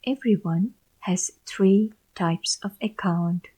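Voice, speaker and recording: A woman giving a live interpreter voice, translating a sermon phrase by phrase in short measured lines with pauses, her voice breathy and at times whispery. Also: mid-range voice, dark tone.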